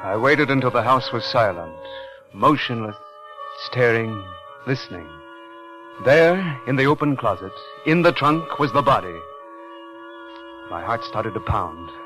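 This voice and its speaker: An actor playing a nervous young ex-soldier who stammers, pleads and narrates in halting 1940s radio acting, on an old broadcast. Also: male voice, medium pitch, expressive, music in the background, lightly acted. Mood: tense. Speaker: narrator and lead of a radio drama.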